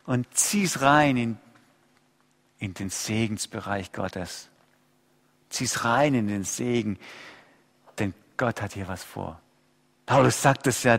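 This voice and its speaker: Impassioned preacher in a reverberant hall. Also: male voice, vocal fry. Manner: impassioned, swings between loud outcries and hushed low asides. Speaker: pastor. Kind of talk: sermon.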